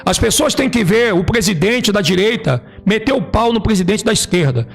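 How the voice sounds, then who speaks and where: Man from Brazil, high-pitched, gravelly fry, preachy monologue, emphatic rhetorical questions. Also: expressive, soft background music. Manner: emphatic, with rhetorical questions and slow passages read from a book. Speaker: video host. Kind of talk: preachy religious commentary monologue.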